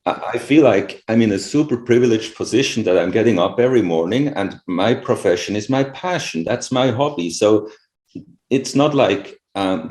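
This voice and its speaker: On the low side and a little mellow, the voice belongs to a middle-aged interviewed scientist from Switzerland, speaking English as a non-native with a Swiss accent. He answers thoughtfully and conversationally, frequently adding "you know" and "right?", in an echoey room.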